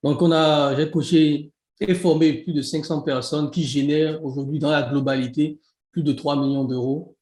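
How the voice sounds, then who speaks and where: A man's voice: on the high side, fairly even intonation, normal speed, a little mellow. Beninese man in an echoey room. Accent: Beninese French. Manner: hesitant, many restarts, laughs easily. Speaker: guest, e-commerce coach. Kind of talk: casual interview.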